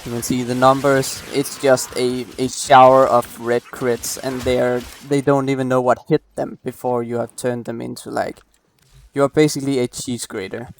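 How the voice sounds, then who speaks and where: A man with a medium-pitched voice, little pitch movement, and vocal fry talks at a moderate pace through a game build late at night. As a gameplay guide creator, he's casual, rambling, and apologetic, with many restarts and a cough, recorded close on a desk mic.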